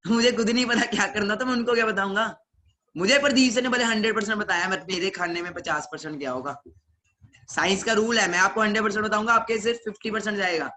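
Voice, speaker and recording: A young man with a Punjabi accent telling an animated motivational story on a webinar and acting out his family's lines. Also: high-pitched, fast talker. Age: young adult. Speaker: young entrepreneur speaking on a webinar.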